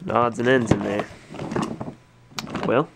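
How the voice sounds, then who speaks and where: A man with a middle-pitched, gravelly voice talks casually to a handheld camera, thinking aloud as he sorts through totes. The recording carries clear background noise from a cluttered stock room. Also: fairly even intonation, slow. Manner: musing, thinking aloud while sorting. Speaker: resale store owner. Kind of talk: casual narrated unboxing vlog. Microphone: handheld or head-mounted camera.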